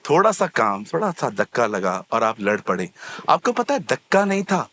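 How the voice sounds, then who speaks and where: A man preaching as a pastor in a church, animated and acting out little scenes of everyday people, slipping English words into his sermon. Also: mid-range voice, moderate pace, a little hiss or hum. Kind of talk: lively sermon.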